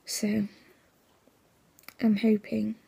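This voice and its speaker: A young woman rambles through a casual vlog chat. Her voice is hoarse and nearly gone, a gravelly, breathy half-whisper. She sounds drowsy, piling on fillers as she talks. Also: medium pitch, completely flat delivery, drawn-out words, dark tone. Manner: rambling, chatty, with many fillers. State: sleepy, yawning. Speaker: vlogger.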